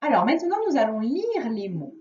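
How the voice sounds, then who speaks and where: A woman teaching a child a reading and spelling lesson, speaking slowly and drawing out each word to dictate. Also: a little high, sing-song, a little mellow. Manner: slow, careful, drawing out words to dictate. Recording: echoey room, distant mic, dull sound.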